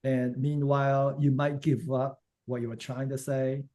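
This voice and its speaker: A man's voice: medium pitch, level tone, normal speed, dark tone. A man teaching Japanese over a video call. He explains grammar in a loose, casual way, with plenty of fillers along the way.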